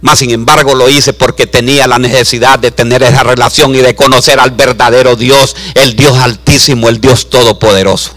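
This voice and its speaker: Bright-voiced man preaching a sermon. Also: fairly even intonation, fairly quick, few pauses. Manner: swings from low asides to loud preaching; acts out voices in his story.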